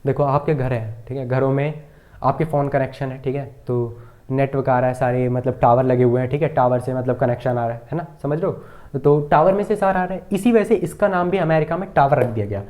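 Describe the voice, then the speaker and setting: A man's voice: medium pitch, a little fast, a little mellow. A man teaching a computer lesson at a board, asking the class questions and repeating key terms with frequent checks.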